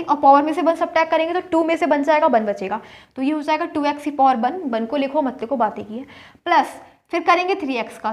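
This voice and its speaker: A woman teaching a maths lesson step by step, asking and then answering her own questions as she works. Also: high-pitched. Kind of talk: board-work maths lesson.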